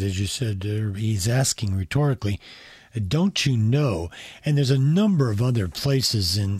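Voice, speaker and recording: A man co-hosting a Bible study discussion, explaining a passage in a measured, thoughtful way. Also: medium pitch, darkish tone, slightly rough, no room sound. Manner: measured, thoughtful, with small restarts. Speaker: Bible teacher co-host. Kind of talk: conversational Bible study teaching.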